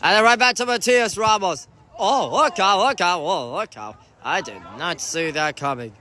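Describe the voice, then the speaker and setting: A man giving excitable sideline commentary on a youth soccer match, groaning and shouting as plays unfold. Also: high-pitched, normal speed. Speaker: amateur commentator.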